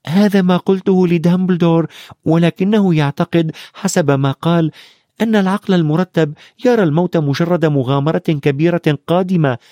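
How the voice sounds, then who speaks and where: A man's voice: fairly high pitch, brisk, mellow, no echo, studio quality, pitched above the performer's own voice, close to an everyday voice. A man voicing a thoughtful, brave young schoolboy in an audiobook, talking in an earnest, reasoning way. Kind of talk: audiobook character voice.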